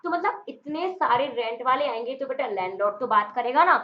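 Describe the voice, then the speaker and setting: A woman teaches English vocabulary in a chatty, playful online lesson, mixing English words into her explanations. Her voice sits fairly high. The recording sounds dull and lo-fi. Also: fairly quick, slight background noise. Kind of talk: online exam-prep lesson.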